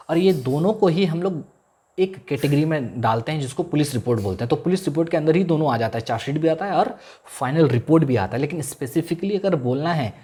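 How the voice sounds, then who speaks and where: Male law teacher, mellow and husky, repeats every key term as a question. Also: fairly high pitch. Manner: repeats key terms as call-and-response questions; mixes in English legal phrases, drawn out slowly. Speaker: law lecturer. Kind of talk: classroom lecture.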